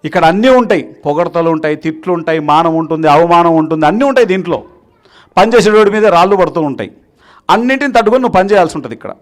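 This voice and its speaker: A man's voice: fairly high pitch, expressive, racing. A man, a meditation teacher, giving a motivational speech to students, exhorting them and rallying the crowd, with English words mixed in. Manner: exhorting, rallies the crowd to applaud. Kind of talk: motivational speech to a live audience.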